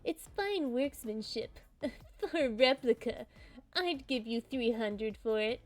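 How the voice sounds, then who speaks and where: A woman's voice: on the high side, expressive, slow pace. Woman doing a snooty nerdy appraiser guy. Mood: smug. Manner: smug, patronizing. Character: snooty male antiques appraiser, condescending and bitter.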